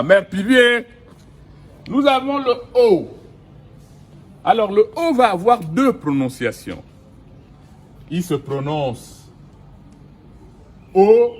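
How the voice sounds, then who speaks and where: A middle-aged man giving a recorded language lesson outdoors, speaking slowly and deliberately and repeating each vowel and example word. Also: sits high. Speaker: language teacher. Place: outdoors in the sun.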